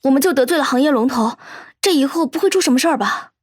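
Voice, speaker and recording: A firm young salon owner. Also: female voice, high-pitched, lively intonation, fast talker, dry recording, clean studio sound. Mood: worried. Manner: earnest, worried.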